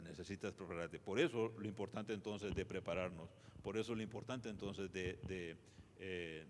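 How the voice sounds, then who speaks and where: A man's voice: lowish voice, a little hiss or hum. A man presenting at a church conference, speaking conversationally with many fillers and restarts. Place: church sanctuary. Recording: long reverb of a church hall.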